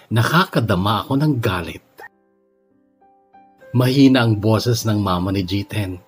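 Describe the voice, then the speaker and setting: A man reading a listener's letter aloud as a first-person story, steady and measured with emotional lifts. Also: mid-range voice. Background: soft background music.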